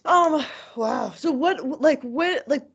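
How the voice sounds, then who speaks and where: A woman's voice: sits high, lively intonation, takes it slowly, gravelly, highs cut off. A woman interviewing a guest, asking hesitant questions full of fillers. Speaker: interviewer, documentary maker. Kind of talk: casual interview.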